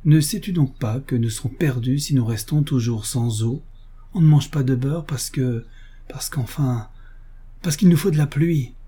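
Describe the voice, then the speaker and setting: A man's voice: medium pitch, normal speed, mellow, slightly rough, close to an everyday voice. A man reading a story voices a melancholy, pious woman who turns stiff and defensive. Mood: stiff, mournful. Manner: mournful, then stiff and defensive.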